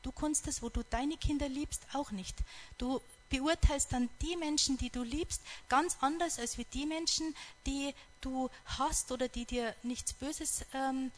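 A woman's voice: high voice, a little slow. A woman retelling a story in a devotional talk, earnest and reflective, often stopping and restarting her sentences.

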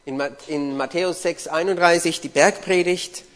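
A man interpreting a sermon line by line, following the preacher with quick restarts. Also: a little high, fairly even intonation. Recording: long hall reverb.

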